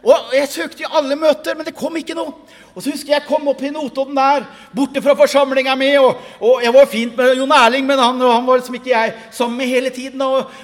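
A fervent man gives a Pentecostal testimony from the pulpit, his voice sitting very high. He swings between shouted hallelujahs and chuckling asides. Long reverb rings around him from the hall. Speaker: preacher.

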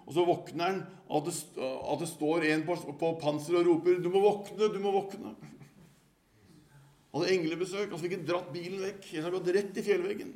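A man's voice: high-pitched, fairly even intonation, few pauses, darkish tone. An older man from Norway preaching a sermon in an earnest, storytelling manner.

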